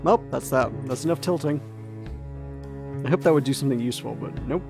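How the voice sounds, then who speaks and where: Over music, a young man streams a game and chats casually, rambling through asides and fillers as he comments on the gameplay. His medium-pitched voice is creaky and brisk.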